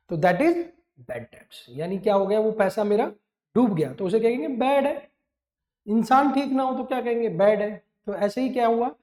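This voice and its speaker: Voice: medium pitch, a little mellow. An accounting teacher giving a classroom lecture, calling students "beta", mixing in English terms and drilling them with repeated questions.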